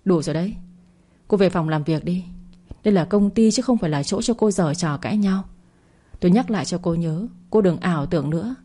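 A woman's voice: fairly low pitch, a little fast, dark tone, lightly acted. A woman voicing a cold, sarcastic young male company boss in a storybook reading, curt and cool in manner. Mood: stern.

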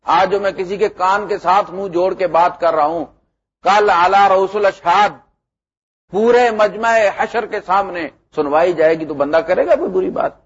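A middle-aged man preaching a sermon, animated, with loud emphatic lines that drop to low asides. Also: slightly rough. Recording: muffled lo-fi lecture recording.

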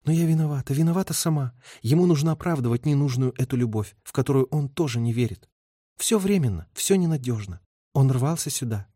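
A man's voice: medium pitch, animated, a little fast, warm tone, breathy edge, dry recording, clean studio sound, pitched above the performer's own voice. A man voicing a young woman, a wartime army nurse, who speaks in a bitter, stubborn, reproachful way. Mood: anguished.

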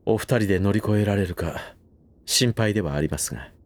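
In a Japanese voice drama, a male actor plays a loyal manservant who is coldly polite and distrustful, using formal phrasing with a barbed edge. His natural, lowish voice is a little fast, curt and guarded, in a dry recording.

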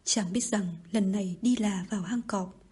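A woman narrates an audiobook softly, at times near a whisper. Her voice is dark, mellow and very breathy. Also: mid-range voice, moderate pace.

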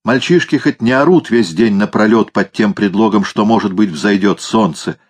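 A man's voice: lowish voice, normal speed, breathy edge. A man reading an audiobook, voicing an irritable male cat stuck down a drain who snaps at everyone around him. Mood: grumbling. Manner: irritable, snapping. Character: gruff grumpy male cat stuck in a sewer.

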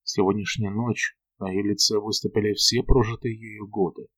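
A man narrating a dark fantasy audiobook in the first person, calm and measured with dramatic pauses. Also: on the low side.

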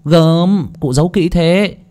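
A man's voice: fairly high pitch, slow, mellow, pitched above the performer's own voice. A man voicing a cheeky, clever peasant boy in a folk tale, with a cocky, mocking way of talking. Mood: wheedling.

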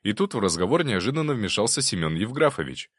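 A man's voice: lowish voice, big pitch swings, fast talker, no room sound. Dry-voiced male audiobook narrator. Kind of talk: first-person audiobook narration.

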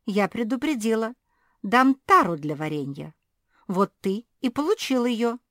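A woman's voice: a little high, big pitch swings, a little slow, dry recording, clean studio sound, voice pushed up. A woman voicing a playful, teasing adult female dog in an audiobook. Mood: gossiping.

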